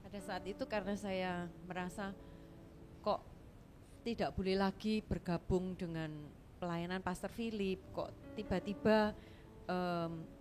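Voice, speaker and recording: A woman's voice: on the low side, steady tone, measured pace, long pauses, over music. A woman, the pastor's wife, sharing a personal testimony in a church service, earnest and reflective. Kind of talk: sermon testimony.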